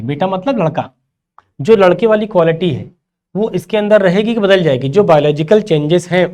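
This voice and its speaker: A man's voice: high-pitched, a little mellow. A male teacher giving a grammar lecture, who asks rhetorical questions and answers them himself and calls his students "beta".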